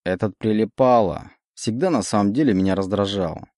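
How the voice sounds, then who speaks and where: A man's voice: on the low side, moderate pace, a little mellow, no room sound, studio quality, close to an everyday voice. A man doing a possessive, metallic demon. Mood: cold, smug. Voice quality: metallic tinge. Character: possessive male demon, cold and manipulative. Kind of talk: audiobook reading.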